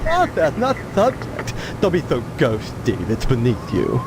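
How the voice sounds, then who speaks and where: Game role: flamboyant fireman, arch and pompous, extremely animated intonation, noisy dated audio. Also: fairly high pitch, unhurried. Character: flamboyant prissy fireman who loves sketching nude men. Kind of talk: theatrical video game character acting.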